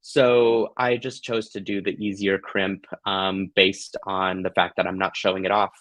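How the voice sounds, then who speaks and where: Gushing, affectionate man hosting a craft tutorial, lowish voice. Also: little pitch movement, a little slow, fairly bright tone, no room sound. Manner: giggly, playful.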